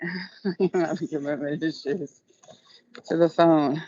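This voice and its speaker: A woman's voice: low voice, steady tone, takes it slowly, warm tone, slightly rough, dry recording. A woman in a casual chat who talks with her phone held away from her mouth while working out, so she sounds distant and faint. She has an offhand manner and laughs at herself. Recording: dull lo-fi phone audio, voice from far off.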